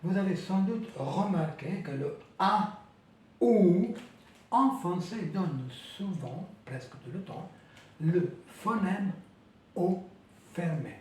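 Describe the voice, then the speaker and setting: A man teaching a language lesson, saying example words slowly and repeating them carefully. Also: high-pitched, expressive, darkish tone. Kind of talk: slow language lesson for French speakers. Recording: echoey room, voice from a distance.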